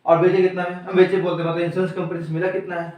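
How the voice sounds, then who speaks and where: A man's voice: high-pitched, flat delivery, rapid-fire, darkish tone. A male teacher giving a classroom accounts lesson, quizzing students and repeating their answers back. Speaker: commerce teacher. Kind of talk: classroom lecture. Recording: echoey room, mic far off.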